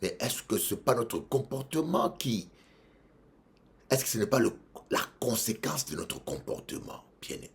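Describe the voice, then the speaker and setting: This bishop, speaking with a Congolese French accent, has a creaky, medium-pitched voice that stays animated at a normal speed. His sermon is emphatic, circling back on phrases while his volume rises and falls.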